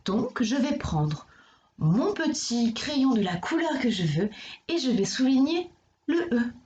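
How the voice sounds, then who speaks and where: A woman primary school teacher talking a young child through exercises in a recorded lesson, with slow, careful enunciation. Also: on the high side, sing-song, a little mellow, dull audio, a little hiss or hum. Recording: echoey room.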